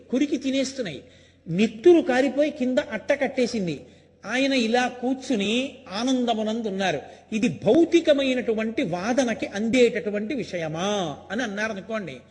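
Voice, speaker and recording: A man's voice: extremely high pitch, big-room sound. An older man giving a spiritual discourse, telling stories and pressing home his points with emphatic rhetorical questions. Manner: storytelling, emphatic and rhetorical, acting out quoted lines. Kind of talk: Telugu religious discourse.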